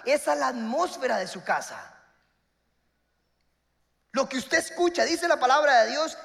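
A man, preaching a sermon and telling a funny personal story with animated, acted-out voices. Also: very high voice, creaky, long reverb tail.

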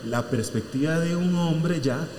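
Guy in his 40s telling a camp story, kinda high voice, acts out all the voices, echoey room w/ long reverb. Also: a little slow, a little hiss or hum. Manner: animated, acts out quoted voices. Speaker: camp administrator. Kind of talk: casual storytelling chat.

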